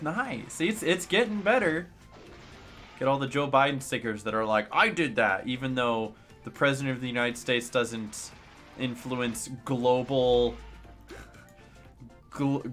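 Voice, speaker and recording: A man's voice: medium pitch, pushed and bright. A man in his late twenties talks casually while streaming a game, answering chat. He goes off on sarcastic rants, then cracks jokes. Faint music plays underneath. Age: late 20s.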